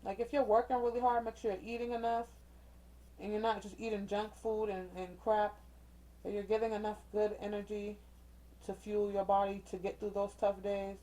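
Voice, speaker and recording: A tarot reader chats with her viewers during a casual oracle card reading, lit by a ring light indoors. Her medium-pitched voice stays fairly flat at a moderate pace with a warm tone, though the recording quality is low. She's encouraging and full of slang and mild stand-ins for cussing, checking in often with "okay?"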